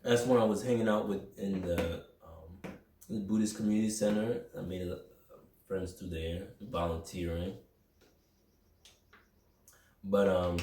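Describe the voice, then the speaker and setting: A man's voice: lowish voice, measured pace, a little hiss or hum. Young man talking in a roomy echo. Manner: energetic, rambling, self-reflective. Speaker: podcast host. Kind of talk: personal motivational monologue. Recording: roomy echo, mic at a distance.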